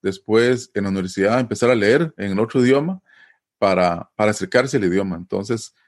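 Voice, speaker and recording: A man's voice: lowish voice, fairly quick. A man from Costa Rica with a Costa Rican Spanish accent, explaining things in a conversational interview and often checking in with tag questions.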